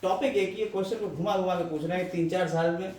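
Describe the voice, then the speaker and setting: A male teacher going over exam questions with students and asking whether it is clear, his voice booming in a cavernous, cave-like echo. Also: quick pace, a little mellow. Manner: leads students through questions, asks if it is clear. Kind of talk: classroom exam revision, checking answers. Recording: very echoey room, voice from far off, faint noise.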